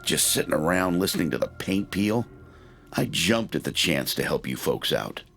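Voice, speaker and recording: Very deep, gravelly, gruff old soldier, dry delivery, game audio with loud music. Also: male voice, big pitch swings, moderate pace, full character voice. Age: older. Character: gruff retired male war hero, older. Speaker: recruiting sergeant.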